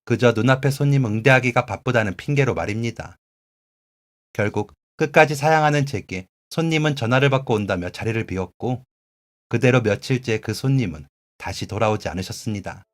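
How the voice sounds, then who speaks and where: A young man calmly narrating a scripted story in a reflective way. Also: medium pitch, brisk.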